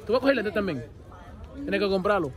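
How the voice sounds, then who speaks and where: High-voiced guy joking around. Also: very animated, fairly quick. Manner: joking, teasing, slangy and loud. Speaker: vlogger. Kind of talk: casual street vlog banter. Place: outdoors at a school field day on a city street. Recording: crowded outdoor street noise. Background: crowd chatter and passing traffic.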